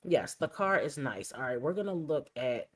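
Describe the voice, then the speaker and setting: A woman's voice: low voice, animated, normal speed, breathy edge, low-quality recording. A woman hosting a casual reaction commentary, chatty and opinionated, muttering asides as she sets up clips. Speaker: commentary channel host.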